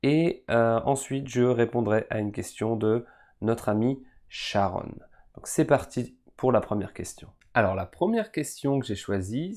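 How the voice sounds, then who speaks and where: A man from France, a French teacher and podcast host, patiently answering learners' questions and speaking straight to his listeners. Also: lowish voice. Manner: calm, patient explanation aimed straight at listeners.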